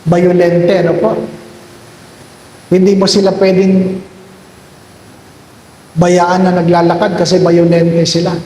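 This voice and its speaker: Slow, high-voiced priest preaching. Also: male voice, completely flat delivery, mellow, echoey room, big-room sound, poor audio. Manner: slow, emphatic preaching with repeated phrases and storytelling. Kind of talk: sermon.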